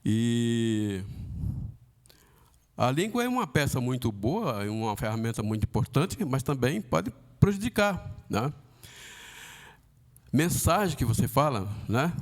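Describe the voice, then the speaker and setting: A man with a Brazilian Portuguese accent teaching a church Bible lesson, talking haltingly with many fillers and tag questions, and acting out the voices he quotes. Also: mid-range voice. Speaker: Sunday school teacher.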